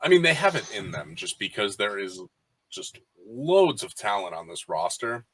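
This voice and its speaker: A man's voice: on the low side, very animated, normal speed, fairly bright tone, slight background noise, low-quality recording. A man co-hosting a podcast, talking baseball casually with lots of fillers and restarts. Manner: rambling with frequent fillers and restarts. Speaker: podcast co-host. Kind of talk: casual sports chat.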